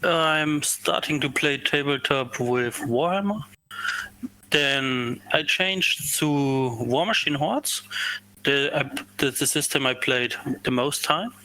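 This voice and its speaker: Bright-voiced man from Austria. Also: on the high side, takes it slowly, slight background noise, poor audio. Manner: simple phrasing, storytelling. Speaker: guest player. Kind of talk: casual gaming discussion.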